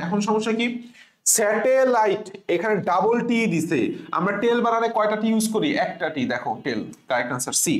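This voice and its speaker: A tutor with a Bangladeshi Bengali accent giving an online revision lecture, spelling words out slowly letter by letter, repeating them, and asking the class questions before answering them. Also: mid-range voice. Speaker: admission exam tutor. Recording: echoey room.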